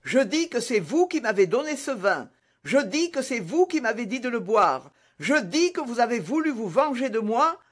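A man's voice: very high voice, sing-song, moderate pace, voice pushed up, full character voice. A man voicing a dying poisoned soldier who cries out in anguished accusation in a storybook reading.

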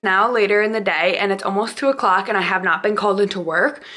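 Young adult woman, excitable vlogger, chatty, talking from a car, bright ringing tone. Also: medium pitch, fast talker, soft background music. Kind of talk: casual vlog talk to camera. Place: inside a car.

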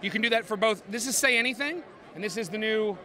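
A man giving a playful, animated board game demo at a busy convention, joking with the interviewer as he explains the rules. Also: sits high, fast. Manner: playful, animated, jokey salesman. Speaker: board game publisher representative.

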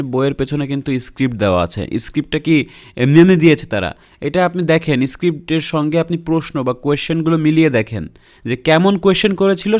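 A young man with a Bangladeshi accent teaches exam tips in a blunt, teasing way, at an ordinary middle pitch. He keeps pausing on filler sounds and checking in with his listeners as he explains. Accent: Bangladeshi Bengali. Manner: frank, teasing, with many filler "uh"s and "okay?" checks. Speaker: IELTS tutor. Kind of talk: casual video lesson.

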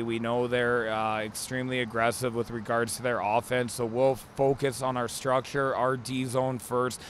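A man's voice: mid-range voice, slight background noise. A man, an assistant hockey coach, giving an earnest postgame interview with many fillers, into a handheld mic in an indoor ice arena.

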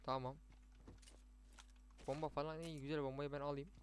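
A young man commentating his mobile shooter match with teammates, chatty, muttering to himself and then bursting out excitedly. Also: a little high, moderate pace, slight background noise. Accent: Turkish. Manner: chatty, swings between muttering and excited outbursts. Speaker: gaming streamer. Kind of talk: live gameplay commentary with teammates.

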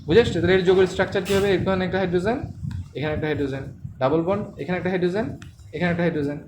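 A man's voice: sits high, racing. A man teaching chemistry to a class, asking questions and repeating the answers. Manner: quizzes students with repeated questions. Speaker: chemistry tutor. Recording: noisy screen-recorded class.

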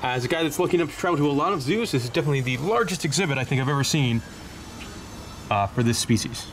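A man casually narrating a walk through a zoo, pointing out animals in a relaxed, chatty way. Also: a little high, very fast. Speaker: zoo tour vlogger. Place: outdoor zoo walkways. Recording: outdoor noise around camera mic.

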